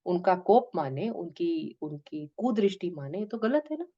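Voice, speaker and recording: A woman teaching a spiritual discourse to her students, gently coaxing them and slipping English phrases into her talk. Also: fairly low pitch, animated, moderate pace, lo-fi sound. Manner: gentle, coaxing, addresses listeners as "beta".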